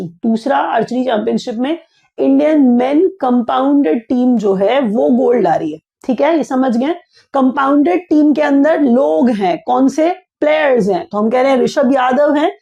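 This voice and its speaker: A woman's voice: high voice, gravelly, dark tone. A woman teaching an exam-prep lesson in a conversational way, restating each point and asking the listener questions. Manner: explains by repeating and restating, asks the listener questions.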